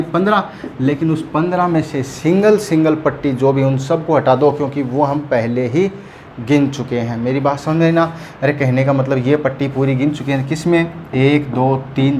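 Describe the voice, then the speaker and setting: A man's voice: a little high, a little mellow. A man teaches counting problems at a board, speaking in a slightly raised voice. He keeps asking whether the class has followed. A faint background hiss runs under the recording. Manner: explains patiently, keeps checking students follow. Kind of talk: whiteboard math lesson.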